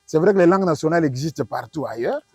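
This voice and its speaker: A Congolese male linguistics professor speaks fast and expressively in a husky, slightly high, darkish voice with a Congolese French accent. Explaining to an audience in a dry interview recording without room sound, he is didactic and emphatic, relying on rhetorical questions and repetition.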